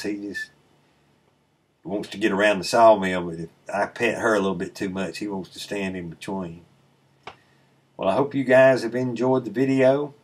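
A middle-aged man with a husky, low voice narrates his sawmill footage in a laid-back, rambling manner, walking through each step in plain terms and peppering pauses with plenty of ums and uhs. As the host of a sawmill channel, he records this casual voice-over indoors, away from the mill, apparently seated at a desk and talking into a webcam microphone.

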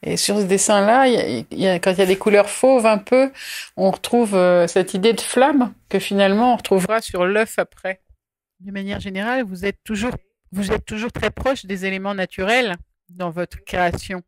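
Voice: mid-range voice, normal speed. Curious podcast interviewer, prompting.

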